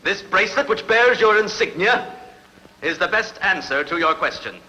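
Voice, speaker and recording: This is a heavily acted film dub: a man plays a jealous, wronged nobleman of ancient times accusing someone in front of the king, with a courtly, formal and cutting delivery. The voice is high-pitched, animated and sharp, at a normal pace, with the top frequencies missing and a long reverb like a large hall.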